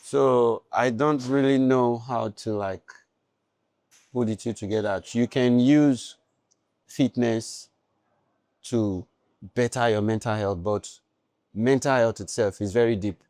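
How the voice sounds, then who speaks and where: Male podcast guest, mid-pitched, emphatic, keeps checking in with listeners, dry recording. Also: slow, pauses often, a little mellow, no room sound. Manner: emphatic, keeps asking "you understand?". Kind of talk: casual podcast chat.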